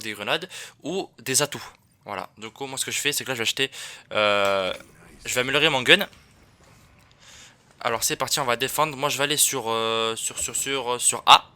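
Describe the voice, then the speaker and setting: A man's voice: mid-range voice, sharp tone. A man giving casual, rambling commentary over his own gameplay, with many fillers and restarts. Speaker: gaming YouTuber.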